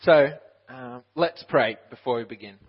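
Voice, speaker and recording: Young man, from Ukraine, Bible college student, self-deprecating sermon, many restarts, slightly husky, muffled recording. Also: mid-range voice, unhurried. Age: 20s. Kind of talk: interview then sermon. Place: church stage.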